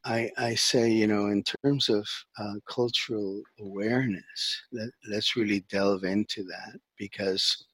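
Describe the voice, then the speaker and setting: A middle-aged man raised in the Dominican Republic, a therapist talking as a guest in a conversational interview, halting with many fillers and restarts. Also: on the low side, fairly even intonation, fairly bright tone, slightly rough, dry recording.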